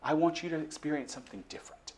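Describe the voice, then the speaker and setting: A middle-aged man preaching a personal testimony sermon in a church, swinging between soft hushed lines and loud emphatic ones. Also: a little high, rapid-fire, slightly rough.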